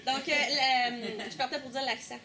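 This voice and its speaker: Young woman, Québécois accent, tour guide, high voice, lively and teasing. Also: normal speed, crowd noise. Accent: Québécois French. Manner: lively, asks the group questions and teases. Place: underground power station.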